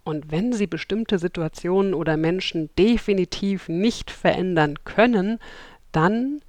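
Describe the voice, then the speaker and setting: A woman's voice: on the low side, unhurried, darkish tone, no echo. Chatty woman podcaster, dry close sound. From Berlin, Germany. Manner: chatty, addresses listeners politely and directly, light laughs. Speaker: podcast host. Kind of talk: self-help podcast talk. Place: room with open windows.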